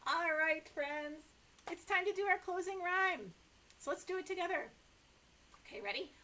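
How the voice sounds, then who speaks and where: A middle-aged American woman, a children's librarian, hosts toddler story time with very high-voiced, animated, exaggerated reading and chatter at a moderate pace. A camera set a short way in front of her films her in a small indoor room with a sofa.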